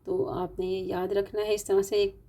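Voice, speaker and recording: A woman's voice: mid-range voice, level tone, dark tone. A woman teaching a Quran recitation lesson, explaining patiently step by step and stretching out example words. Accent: Urdu-speaking, Pakistani. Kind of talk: online tajweed lesson.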